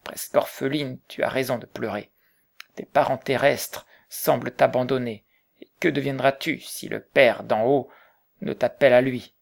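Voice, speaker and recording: A man reading the part of an old Quaker, earnest and gently reproachful, in an audiobook. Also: medium pitch, steady tone, moderate pace, gravelly, natural voice.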